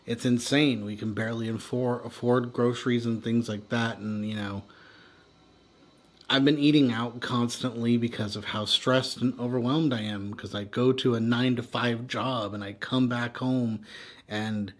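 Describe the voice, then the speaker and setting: An American man talks off the cuff in a weary, burnt-out way. His voice sits at an average male pitch and tends to trail away at the ends of thoughts. He is frank and unpolished, venting like a vlogger with no script. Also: steady tone, moderate pace. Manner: exhausted, weary, sighing and trailing off; frank, swearing. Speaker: vlogger venting personal frustrations. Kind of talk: candid unscripted rant.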